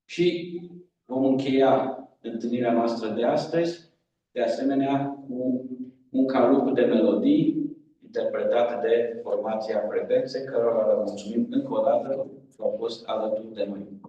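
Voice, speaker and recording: A man's voice: medium pitch, steady tone, dark tone. Man presenting in an echoey hall. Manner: measured, explanatory speech. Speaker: event presenter. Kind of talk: formal address to an audience. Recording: echoey hall from far off, dull.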